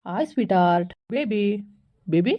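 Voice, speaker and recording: A woman's voice: medium pitch, lively intonation, normal speed, dull audio, natural voice. A woman plays a deceitful young married man in a village skit, coaxing and placating his girlfriend.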